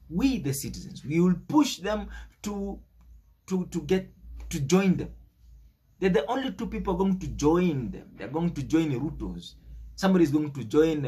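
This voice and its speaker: A young man with a Kenyan accent, speaking as a political commentator, rails through an unscripted monologue in an emphatic, preachy way, stressing words and repeating himself. His voice is fairly high, slightly rough, and darkish in tone.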